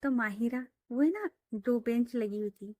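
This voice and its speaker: A woman's voice: on the high side, animated, measured pace, a little mellow, dry recording. A woman telling a romance story in a casual, chatty way, full of fillers, into a close mic.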